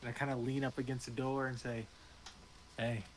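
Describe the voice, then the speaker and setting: A man's voice: medium pitch, level tone, fast talker, a little hiss or hum. A young man playing in a live tabletop game, joking and brash. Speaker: player. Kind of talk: casual tabletop play.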